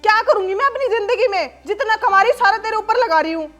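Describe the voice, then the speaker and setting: A cruel, arrogant daughter-in-law, played by a woman, scolds and sneers in a harsh, contemptuous voice. Her pitch sits very high and shrill. Faint music plays behind her in this drama sketch. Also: moderate pace, pushed and bright. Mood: scornful.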